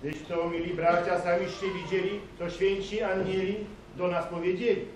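A man's voice: high voice, flat delivery, moderate pace, natural voice. A man playing a reasoning shepherd. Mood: earnest. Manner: reasoning, explaining to the others. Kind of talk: school nativity play acting. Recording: echoey hall, distant mic, noise.

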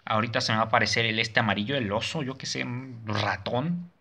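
A young man commenting nervously on a horror game, swearing, yelping and talking himself calm. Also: medium pitch, fast. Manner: nervous, jumpy, swears and yelps. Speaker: gaming streamer.

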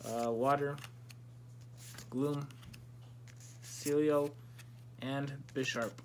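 Slow-talking young man with his mouth full. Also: medium pitch, steady tone, a little mellow. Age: young adult. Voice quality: muffled, mouth full of marshmallows. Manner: slow, halting card-by-card delivery. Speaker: video host opening trading cards. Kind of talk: casual challenge vlog commentary. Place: indoor room at home, seated. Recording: noisy room, crinkling card packs.

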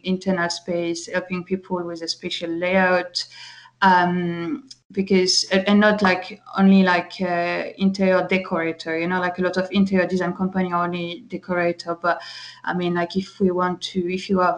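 A woman's voice: on the low side, flat delivery, moderate pace. A woman in her thirties from France with a French accent, talking casually as an architect guest, with many fillers and restarts. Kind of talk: casual interview chat.

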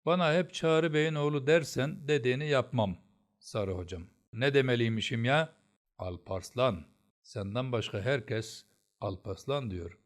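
A man's voice: medium pitch, unhurried, close to an everyday voice. A man voicing a clever, bold young prince who talks back pertly.

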